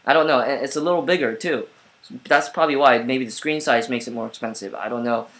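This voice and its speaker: A man's voice: mid-range voice, fast talker, a bit bright. A man telling a casual vlog story at home, rambling with many fillers and restarts, recorded on his laptop webcam. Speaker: vlogger.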